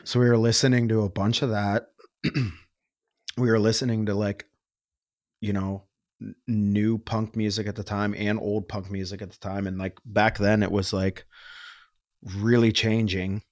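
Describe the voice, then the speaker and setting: Enthusiastic, rambling low-voiced podcast host. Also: male voice, level tone, unhurried, pauses often, a little mellow, no echo, studio quality. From Western Pennsylvania. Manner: enthusiastic, rambling, heavy use of "like" and swearing. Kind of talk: casual podcast chat.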